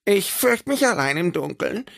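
A man voicing a small, timid male island creature who chatters fearfully when excited, in an audiobook. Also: fairly high pitch, slow, gravelly, voice pushed up, exaggerated voice. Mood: scared. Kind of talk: audiobook character voice.

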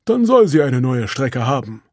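A man's voice: mid-range voice, very animated, normal speed, a little mellow, dry recording, studio quality. A man voicing a big, clumsy, good-natured wrecker in a storybook reading, earnest and a little simple.

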